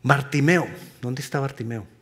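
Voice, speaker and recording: A male pastor preaching a sermon emphatically, swinging between loud passages and hushed ones. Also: mid-range voice, normal speed.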